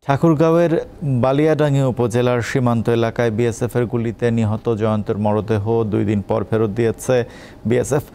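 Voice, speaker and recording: A man reading a scripted news bulletin as presenter, in a brisk, formal delivery. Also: mid-range voice, fairly even intonation, dark tone, smooth.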